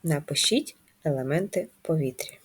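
A woman teaching a first-grade class, reading riddles and guiding letter writing in a slow, sing-song manner for young children. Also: low voice, expressive, breathy edge. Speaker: primary school teacher. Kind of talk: first-grade handwriting lesson.

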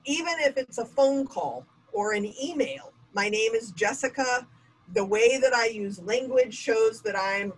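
Her voice a little high, a woman in her 40s works as a diversity trainer, giving a webinar lecture by webcam video call from a home room with a bookshelf and bokeh lights. She speaks candidly, mocking herself in asides; the audio is poor, with a little hiss or hum.

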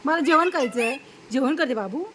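Very high-pitched woman cooing at pets. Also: animated, a little fast, background noise. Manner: sing-song, coaxing, repeats words. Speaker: pet owner vlogger. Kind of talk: baby talk to pets. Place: home.

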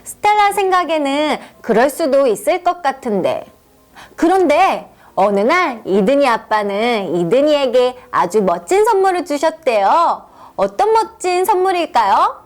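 A woman's voice: high voice, very animated, measured pace. A woman narrating a children's story, asking the listeners questions in a sing-song manner.

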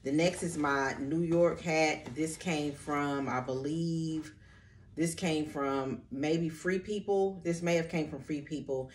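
A woman's voice: low-pitched, fairly even intonation, takes it slowly, slight background noise. Woman vlogger, upbeat casual haul chatter, keeps saying so good and love this. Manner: chatty, addresses viewers as ladies; enthusiastic, repeats so good and love this. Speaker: fashion vlogger.

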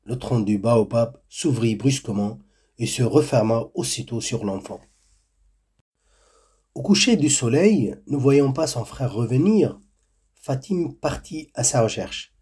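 Man, storyteller, folk tale narration, slow, mellow dark voice. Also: mid-range voice, slightly rough. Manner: measured, deliberate telling.

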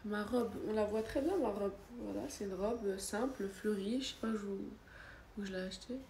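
A young French woman with a cold livestreams from her living-room sofa, her mid-pitched, mellow voice moving at a moderate pace. Chatty and casual, she reads viewer comments aloud and answers them. The phone camera is held at arm's length, and the room is echoey with a faint background hiss.

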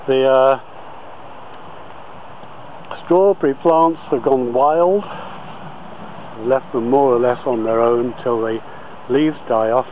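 Filming a tour on his allotment with a handheld camera, a gardener with a mid-range voice narrates informally and keeps stopping partway through sentences. The outdoor recording sounds muffled and low quality.

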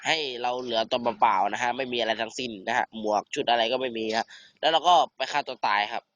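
Teenage man, casual game commentary, bright tone, excitable, swears a lot. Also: mid-range voice, quick pace, dry recording. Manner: excitable, swears, banters with a friend off-mic. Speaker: gamer.

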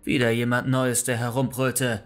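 A man reading a scripted horror story aloud, tense and dramatic, breaking into shouts when his character calls out. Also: mid-range voice, level tone, moderate pace.

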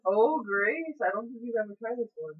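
A young woman with a husky voice, chatting casually as she leads a challenge at home in a bedroom. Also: on the high side, animated, fairly quick. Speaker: challenge leader handing out the beans. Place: small carpeted bedroom indoors. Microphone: camera a few feet away. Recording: dull lo-fi home recording.

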